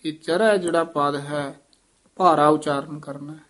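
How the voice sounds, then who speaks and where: Slow, careful male recitation teacher. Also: a little high, steady tone, fairly bright tone. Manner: slow, measured, repeats phrases syllable by syllable to correct.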